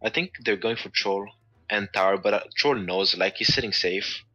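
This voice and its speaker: A man's voice: fairly low pitch, normal speed, sharp tone, lo-fi sound. A man giving casual esports analysis as co-caster, chatty critiques full of "like".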